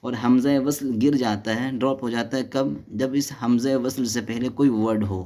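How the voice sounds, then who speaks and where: A man's voice: medium pitch, fairly even intonation, mellow. A man teaching an Arabic grammar lesson, explaining step by step, asking and answering his own questions, mixing in English terms. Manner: mixes Hindi-Urdu with English and Arabic terms; reads English textbook notes slowly.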